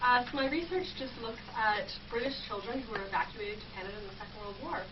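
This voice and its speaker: A young adult woman, a history PhD student, fast-talks about her research informally as a guest on a campus radio station, her voice on the high side. She's recorded from a distance, so the off-mic radio audio is muffled and noisy.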